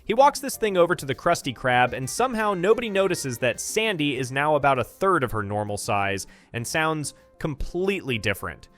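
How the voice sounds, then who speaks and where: Guy doing scripted cartoon commentary, slightly high voice that swings a lot, sarcastic, faint guitar behind. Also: sing-song, a little fast, few pauses, a bit bright. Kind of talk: scripted narration.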